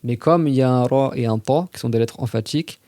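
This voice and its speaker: A man explaining religious texts in a relaxed, conversational way, as if chatting with younger listeners. His voice is mellow and warm. The sound is close and dry, with no room around it. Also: medium pitch, no echo. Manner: conversational, recites Arabic verses slowly and carefully. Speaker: religious teacher on a podcast. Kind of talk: casual explanatory lesson.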